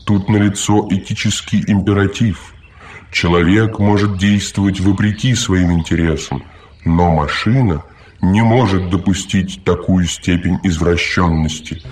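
Male reader playing a smothering robot caretaker, very low voice, preachy, audiobook. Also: unhurried, darkish tone. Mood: fussy. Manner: solicitous, lecturing, talks too much. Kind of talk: audiobook reading.

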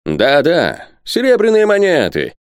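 A man voicing an excitable, fussy old professor who shouts his demands. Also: a little high, normal speed, no echo, studio quality, pitched above the performer's own voice. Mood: shouting. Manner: shouting, insistent.

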